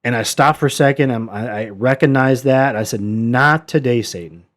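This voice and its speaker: A man teaching a Bible study in a relaxed, unscripted way. His voice sits in an ordinary middle pitch, and he turns earnest and exhorting as he talks, with frequent fillers and restarts. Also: brisk. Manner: conversational, many fillers and restarts. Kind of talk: casual Bible study talk.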